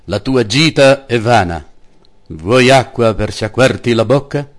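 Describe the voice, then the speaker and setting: A man's voice: mid-range voice, animated, a little slow, lightly acted. A man reading a story aloud and voicing a scornful male doorkeeper who mocks a visitor. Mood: mocking. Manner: sneering, mocking.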